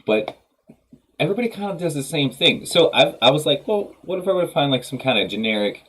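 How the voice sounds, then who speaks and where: Hosting a music workshop livestream from his home studio, a man in his thirties rambles casually, full of ums and restarts, laughing easily while his nose is stuffed up from a cold. His slightly high, fairly bright voice is a bit rough, fast, and swings widely in pitch.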